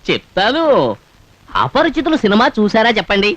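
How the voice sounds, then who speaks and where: A comic marriage broker, very high voice, lively swooping delivery, bright tone, chatty storyteller from an old film. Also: male voice, normal speed, no echo, dull audio. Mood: coaxing. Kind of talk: 1970s film acting.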